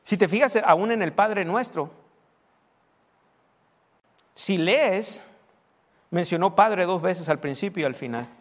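Male pastor, lively sermon, somewhat high voice, long hall reverb. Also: slow, pauses often. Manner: animated preaching, mimics people praying and speaks in tongues.

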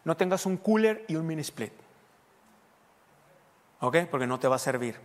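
A man preaching a sermon, talking conversationally and then pushing into loud, emphatic bursts. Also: on the high side, animated, normal speed, long reverb tail. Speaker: pastor.

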